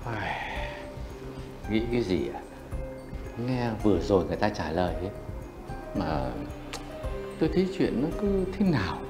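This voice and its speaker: A man's voice: fairly low pitch, big pitch swings, moderate pace, pauses often. A fretful older grandfather. His voice swings up and down a lot, and he stumbles and repeats himself when flustered. It sounds like a roomy, echoey set with music running underneath. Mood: pondering. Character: worried, fretful older family man. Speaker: grandfather in a TV drama.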